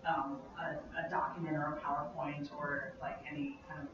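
An attendee speaks up from the audience, halting and full of fillers. The voice comes from far off in a very reverberant room, muffled and over steady background noise. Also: mid-range voice. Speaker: workshop attendee. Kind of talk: audience comment. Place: conference room. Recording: distant, very echoey, muffled audience mic.

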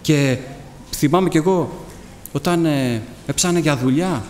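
A middle-aged man preaches with fervour, pressing his listeners with rhetorical questions and repeated thanksgiving. His voice sits high for a man. The recording carries the long echo of a hall, with a faint background noise underneath. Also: darkish tone. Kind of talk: sermon with personal testimony.

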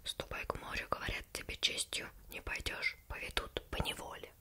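A woman's voice: normal speed, close to an everyday voice. Woman whispering as a scolding old wife, whispered role-play. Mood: imperious anger. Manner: bossy, quarrelsome. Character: greedy, scolding, domineering old peasant wife.

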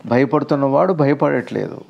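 A man's voice: mid-range voice, fairly quick, gravelly, muffled recording. A man, a spiritual teacher, explains ideas in a conversational discourse, asking rhetorical questions and building long lists.

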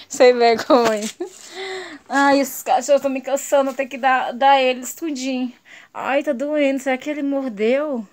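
A woman's voice: high voice, fairly even intonation, normal speed, a little mellow, a little hiss or hum. A Brazilian woman in a home vlog, doting on her pet dogs in sing-song baby talk. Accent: Brazilian Portuguese. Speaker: vlogger.

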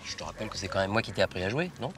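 A man's voice: on the low side, expressive, racing, close to an everyday voice. An actor playing an easygoing middle-aged policeman and father in a TV drama, colloquial and coaxing. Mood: wry, casual. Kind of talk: French TV film drama acting.

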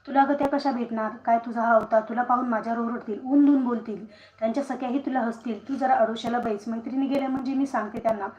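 A woman's voice: a little high, fairly even intonation, quick pace, darkish tone, lightly acted. A woman voicing a palace maid in a storybook tale, questioning and pleading. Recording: roomy echo, faint noise.

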